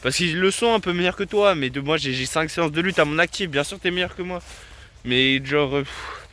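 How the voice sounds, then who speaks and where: A man's voice: fairly high pitch, brisk, pushed and bright. A young man, chatting casually to his viewers in a self-mocking way and laughing often. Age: late teens. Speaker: vlogger. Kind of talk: casual vlog chat.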